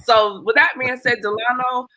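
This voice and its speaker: Casting: woman podcast host, bright sharp tone, chatty and upbeat. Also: fairly high pitch, fairly even intonation, moderate pace. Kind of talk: casual podcast introduction.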